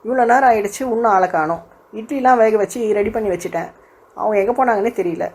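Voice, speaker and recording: A patient young housewife calms her quarrelling family in a cartoon, as a woman voices her. Her voice is slightly husky, and she speaks quickly but politely. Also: fairly high pitch. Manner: polite, soothing, respectful. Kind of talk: cartoon voice acting.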